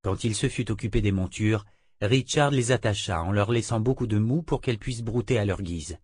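A man reads a fantasy novel aloud in a measured, dramatic way. His voice is low. The recording is close and dry, with no room around it. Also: darkish tone, breathy edge, dry recording. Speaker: audiobook narrator. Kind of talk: scripted fantasy narration.

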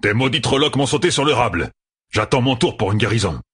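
A gruff, grumbling wounded soldier, put on by a male audiobook reader, raised above his own pitch with a husky edge. He sounds rough and put out. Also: expressive, a little fast, fairly bright tone.

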